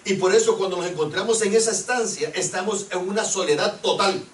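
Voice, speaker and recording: A man's voice: high voice, fairly quick. A male preacher giving a sermon. He questions the congregation and acts out pleading prayers. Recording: echoey room, mic at a distance.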